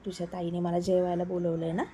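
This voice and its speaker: A woman voicing a lovesick young man who talks in a quieter, sulky tone, in a spoken romance story. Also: on the low side, completely flat delivery, quick pace, a little hiss or hum, close to an everyday voice.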